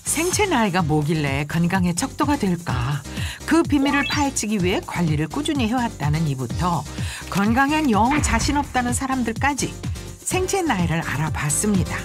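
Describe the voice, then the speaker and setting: Female narrator for a TV health program, lively rising and falling voice, mid pitch, loud music underneath. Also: moderate pace. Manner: expressive, sing-song delivery. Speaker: documentary narrator. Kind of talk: scripted TV narration. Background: loud background music.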